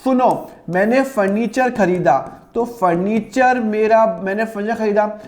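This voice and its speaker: A man teaching accounting in a lesson. He asks students' questions himself and answers them, and he draws out the entry names slowly. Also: sits high, a little mellow, echoey room. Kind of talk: classroom-style lesson with self-posed student questions.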